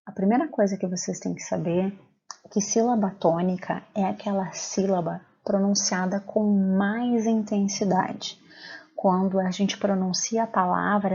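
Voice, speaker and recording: A woman's voice: mid-range voice, a little mellow, breathy edge, highs cut off. A woman teacher with a Brazilian Portuguese accent, explaining a recorded lesson patiently and asking her pupils questions.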